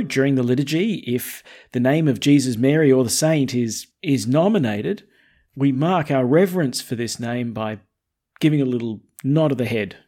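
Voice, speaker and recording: A man, a priest, speaking at Mass in a church, deliberate when reading and conversational when explaining. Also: medium pitch, a little mellow. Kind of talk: Gospel reading and informal homily at Mass.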